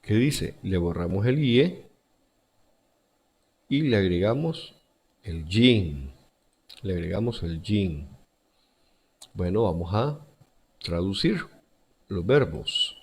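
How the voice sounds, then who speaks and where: A man's voice: low-pitched, lively intonation, slow, pauses often, breathy edge. A male teacher giving a recorded grammar lesson to schoolchildren, repeating each example word and rule. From Central America.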